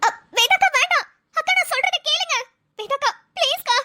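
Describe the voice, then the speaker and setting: A woman's voice: extremely high pitch, animated, fairly quick, bright, forceful tone, no echo, studio quality, heavily acted. A woman voicing an anxious young woman who pleads frantically in a cartoon. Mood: frantic. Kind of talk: dubbed cartoon voice acting.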